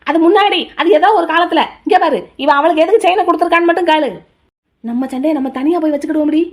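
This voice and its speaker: Brief: a woman playing a bickering cartoon brother, very high and fast, defensive. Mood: argumentative. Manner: argumentative, defensive. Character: quarrelsome young adult cartoon brother, defensive.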